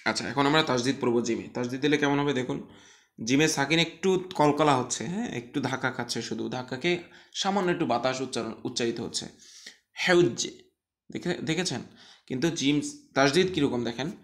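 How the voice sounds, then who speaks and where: A bright, clear-toned man leads a recitation lesson. He explains each sound patiently, then chants the drill syllables louder and higher for his students to repeat after him. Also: fairly quick. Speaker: Quran recitation teacher.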